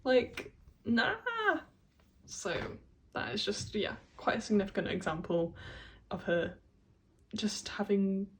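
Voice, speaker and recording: A woman's voice: medium pitch, steady tone, unhurried, slight background noise. A woman talking through a casual video essay, chatty, with many fillers and frequent laughs.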